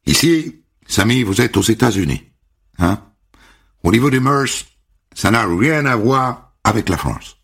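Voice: medium pitch, expressive, measured pace, creaky, pauses often, breathy edge, full character voice. Storybook voice: a man playing a firm, lecturing school official. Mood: stern.

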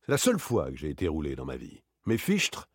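A man reading an audiobook, voicing a suave, proud gentleman burglar with ironic, theatrical outbursts. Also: rumbling low, wildly swooping pitch, fairly quick, husky, dry recording, clean studio sound, pitched below the performer's own voice, exaggerated voice. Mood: rueful amusement.

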